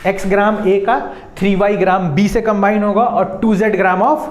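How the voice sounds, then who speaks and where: A man on his teaches a chemistry lesson step by step, often asking his students questions and slowing down to dictate as he writes. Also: high-pitched, steady tone, echoey room. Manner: dictates slowly while writing. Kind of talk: whiteboard lesson.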